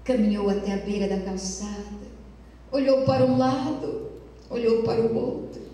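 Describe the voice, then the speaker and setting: A woman lecturer telling a moving story in a lyrical, measured way during a spiritual talk, recorded with a far mic in a lecture hall. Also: on the high side, mellow.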